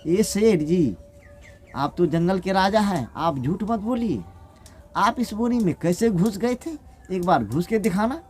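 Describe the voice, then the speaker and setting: A man's voice: high-pitched, expressive, unhurried, a little mellow, a little hiss or hum. A man voicing a cunning male fox acting as a village priest, scolding and sly, in a folk tale told aloud.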